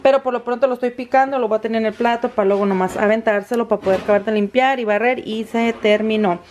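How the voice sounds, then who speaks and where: A woman's voice: a little high, fairly even intonation, fast talker, a little mellow, a little hiss or hum. Chatty woman vlogging. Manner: chatty, switching between Spanish and English. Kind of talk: casual family vlog. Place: home kitchen and restaurants.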